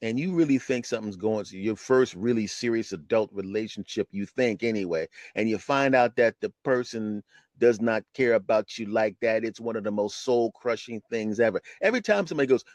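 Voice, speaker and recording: A man in his fifties, a retired comedian, telling a personal story on his podcast in an animated, conversational way. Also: fairly low pitch, fairly quick, no echo. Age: 50s. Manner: animated, conversational, keeps asking "right?". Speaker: podcast host.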